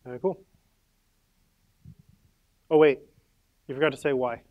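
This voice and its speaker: A man's voice: medium pitch, steady tone, measured pace, narrow, tinny audio. A man leading a conference workshop in a casual, upbeat way, full of "like" fillers as he gives the audience instructions. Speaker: workshop leader.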